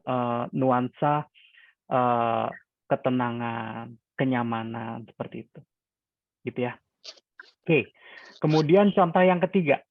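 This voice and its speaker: A man with a gravelly, creaky voice lectures calmly and explains step by step, now and then lifting his voice sharply to act out example questions. The sound is dry and narrow, like a phone line. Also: mid-range voice, no echo. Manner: calm, explanatory, acts out sample questions with sharp rises. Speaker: hypnosis instructor. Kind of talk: class lecture with spoken examples.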